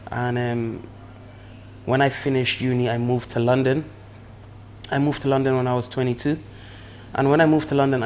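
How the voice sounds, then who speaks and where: A man, a personal trainer, telling his story in a relaxed way in a documentary interview. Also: medium pitch, slight background noise. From Ireland. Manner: relaxed storytelling, repeats himself.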